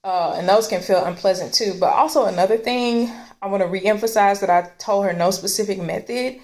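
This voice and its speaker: A woman's voice: medium pitch, brisk, a little mellow. A woman hosting a casual hair care chat, explaining her advice in a conversational way. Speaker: host.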